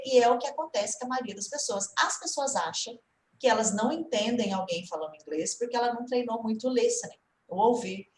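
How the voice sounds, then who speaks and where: A woman's voice: a little high, echoey room, a little hiss or hum, poor audio. A woman with a Brazilian Portuguese accent, an English teacher giving an online lesson and quizzing her student as she explains.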